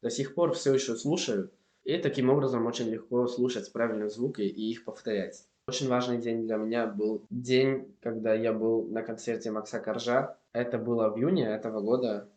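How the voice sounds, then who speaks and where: Talking to camera in a casual vlog, a young man from Spain practices his Russian with a Spanish accent, staying earnest and encouraging. His mid-range voice is steady and darkish, at a moderate pace, in a reverberant space.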